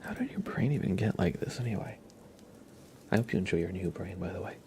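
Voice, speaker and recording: A man hosts an ASMR livestream, bantering playfully and teasingly with viewers in a low, slightly mellow voice that is whispery and a bit stuffed-up, close to the mic. He's animated and a little fast, with slight background noise.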